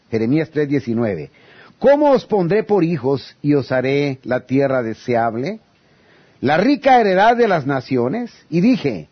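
A male preacher delivering a sermon in a husky, high voice. His pitch leaps widely as he swings from loud pleading to low, hushed asides. The recording is dull and lo-fi. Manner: addresses listeners as brothers, reads scripture aloud.

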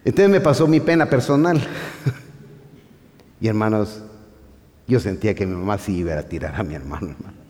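A male preacher, giving a fervent sermon that swings from loud declarations to hushed asides. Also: fairly low pitch, brisk, pauses often, big-room sound.

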